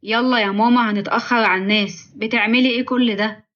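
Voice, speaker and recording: A woman voicing a gentle, weary grown son pleading with his mother, with an Egyptian accent. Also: fairly high pitch, steady tone, fast, muffled recording, natural voice. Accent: Egyptian Arabic.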